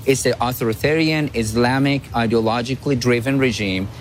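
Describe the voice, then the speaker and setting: A man's voice: medium pitch, fairly quick, faint music behind. Male analyst, firm and emphatic, mid-range voice, guest on a talk radio interview. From Iran.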